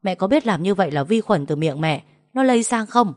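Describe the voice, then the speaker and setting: Woman playing a cranky young guy, talks fast and curt, nagging his mom. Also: mid-range voice, expressive, no room sound, clean studio sound, close to an everyday voice. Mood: irritated. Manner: curt, scolding. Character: irritable young husband, curt and blaming.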